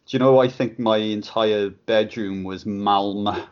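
Low-voiced deadpan man on a podcast. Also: unhurried. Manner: deadpan, crude joking. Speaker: podcast co-host. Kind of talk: casual podcast chat. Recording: dull lo-fi home recording.

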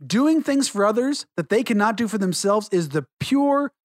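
A middle-aged man giving an earnest religious testimony and teaching, measured and slowing down for emphasis. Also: sits high, animated, no echo.

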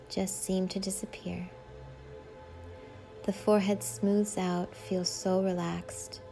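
Mellow woman guiding a meditation. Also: medium pitch. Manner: hypnotic, unhurried, repetitive lulling phrasing. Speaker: podcast host leading a guided meditation. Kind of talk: slow, soothing guided meditation narration. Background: faint music.

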